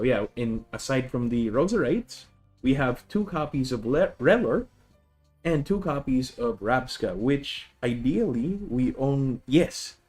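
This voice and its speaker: A man from the Philippines, speaking with a Filipino accent in a medium-pitched, darkish voice, chats casually on a live stream. He explains a card deck, frequently corrects himself, and greets his viewers.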